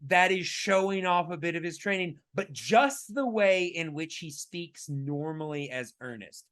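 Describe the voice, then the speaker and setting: Raspy-voiced man in casual podcast chat. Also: on the high side, a little slow. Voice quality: raspy today. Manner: animated, emphatic, many fillers and restarts. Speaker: podcast co-host.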